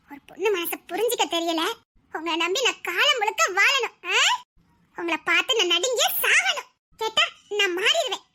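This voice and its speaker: A woman voicing a young bride who defies her quick-tempered husband in a dubbed serial drama, with nervous laughter. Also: very high-pitched, bright, forceful tone, heavily acted. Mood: defiant.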